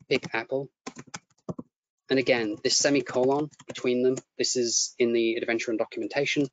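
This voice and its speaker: A man teaching a coding lesson, explaining each step as he types and often repeating himself as he goes. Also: mid-range voice. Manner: explains step by step while typing, repeats words. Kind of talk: live coding tutorial. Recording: muffled lo-fi audio with faint noise.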